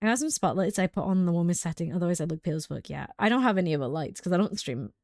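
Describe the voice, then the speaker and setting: A young British streamer with a lowish, expressive voice and darkish tone races through her words, recorded dry with clean studio sound. Gaming at home, she chats casually with viewers, laughing frequently and filling gaps with "like."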